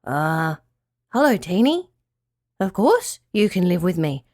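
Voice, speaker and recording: A woman voicing a gentle, kind male hay bale character in a children's audio story, speaking softly and a little lower than her own voice. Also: sing-song, takes it slowly, no echo, clean studio sound, exaggerated voice.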